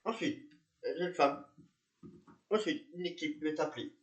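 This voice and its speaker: A man's voice: fairly high pitch, lively intonation, measured pace. A man narrating and playing a police officer, talking hesitantly with many fillers and repeats. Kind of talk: amateur reenactment of police patrol. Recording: echoey room.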